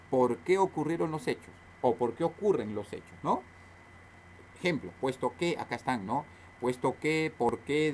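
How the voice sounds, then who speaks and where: A man's voice: a little high, slight background noise. A male teacher, explaining a lesson aloud in a recorded class, repeating points and asking questions he then answers himself.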